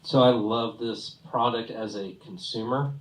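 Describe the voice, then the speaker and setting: A man judging a pitch competition, asking a skeptical business question. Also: fairly even intonation, measured pace. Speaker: competition judge. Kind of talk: judge's question. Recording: echoey hall from far off.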